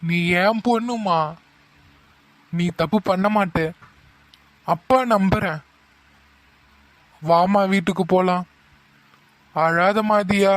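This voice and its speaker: A man voicing a stern middle-aged father who scolds and then softly apologizes to his daughter, in a cartoon. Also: sits high, takes it slowly, long pauses, no echo, low-quality recording. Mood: apologetic. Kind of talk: cartoon voice acting.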